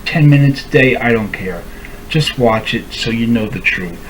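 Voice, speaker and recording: A vlogger speaks straight to camera in an emotional, pleading monologue that keeps circling back on itself. His medium-pitched voice is animated and moderately paced, and the poor audio carries a little hiss or hum.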